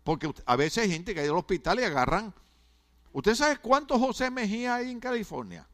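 A man's voice: sits high, big pitch swings, fairly quick, fairly bright tone. A man, a pastor preaching a sermon in a conversational, humorous way, often stammering and restarting his words.

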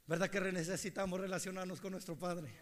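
A man preaching a sermon, moving between hushed storytelling and impassioned shouting. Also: sits high, flat delivery, fast talker.

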